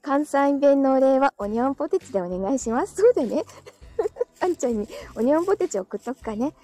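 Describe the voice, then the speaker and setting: A woman's voice: sits high, animated, a little fast, dark tone. A woman hosting a casual live audio stream, chatting, reading out listener comments and laughing often, with a dry throat.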